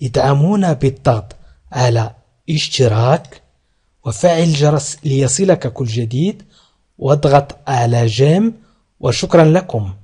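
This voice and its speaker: A man teaching a French lesson, reading out short dialogue lines and repeating each French phrase slowly and carefully. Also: medium pitch, animated, warm tone, husky.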